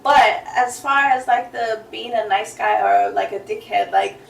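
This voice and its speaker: A woman's voice: on the high side, flat delivery, a little slow, creaky. A young adult woman talking casually and candidly as an interview guest, laughing often and using lots of filler words. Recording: roomy, distant mic, faint noise.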